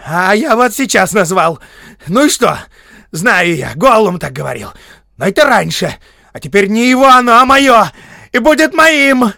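A man reading an audiobook, voicing a fretful old male hobbit whose voice turns shrill and whining as he clings to his treasure. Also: lively intonation, moderate pace, vocal fry, pushed and bright, no room sound, studio quality, exaggerated voice. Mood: shrill, possessive. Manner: shrill, whining, sobbing outbursts. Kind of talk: audiobook character voice.

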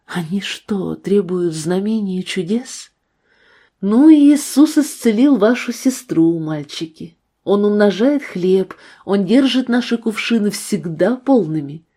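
A woman's voice: mid-range voice, lively intonation, takes it slowly, warm tone. A woman reading a devout, earnest mother. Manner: earnest, pleading. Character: devout mother, firm yet loving.

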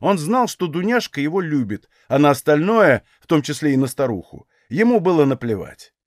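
A man narrates a novel aloud in a measured, expressive way. His voice sits high for a man and moves through a lively range of tone. It is recorded close and dry. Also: dry recording. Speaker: audiobook reader. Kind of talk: literary audiobook narration.

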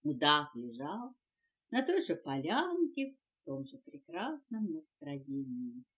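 An older woman reading a children's tale aloud gently and expressively, recorded at home on a cassette tape. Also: deep voice, huge pitch swings, slow, slightly rough, muffled recording. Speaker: storyteller.

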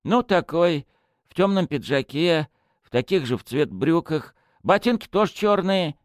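A whiny, cocky young male thief, pitched high and swinging wildly as he pleads in street slang. The voice sits close and dry, with a smooth tone. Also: lively intonation, unhurried, dry recording. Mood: cagey.

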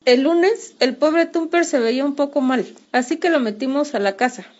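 A woman's voice: high voice, moderate pace, darkish tone, pitched above the performer's own voice, close to an everyday voice. A woman voicing a chatty, gossiping neighbor woman in a storybook reading, gushing as she talks, on a muffled lo-fi radio recording. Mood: gossipy.

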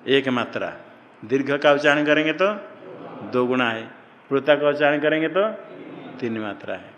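A man's voice: on the high side, sharp tone, slight background noise. Man teaching grammar in a reverberant hall. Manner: asks students questions and answers them himself, repeating key terms. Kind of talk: classroom lecture with questions to students. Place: ashram classroom.

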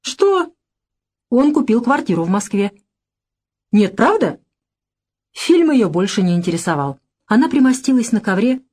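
A woman narrating a novel in a measured, even storytelling manner. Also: mid-range voice. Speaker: audiobook reader. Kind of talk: audiobook narration.

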